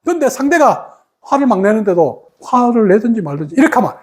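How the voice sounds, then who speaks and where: Lively woman teaching meditation. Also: a little high, fairly quick. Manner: animated, acts out quoted speech of others. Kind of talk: meditation lesson talk.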